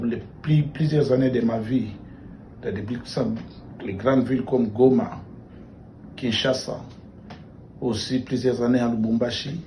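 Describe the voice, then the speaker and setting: A man's voice: medium pitch, vocal fry, mellow, a little hiss or hum. A middle-aged Congolese man, a journalist and writer, speaking reflectively and emphatically in a documentary interview, repeating phrases for stress. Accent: Congolese French. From Democratic Republic of the Congo. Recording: echoey room with faint ambience.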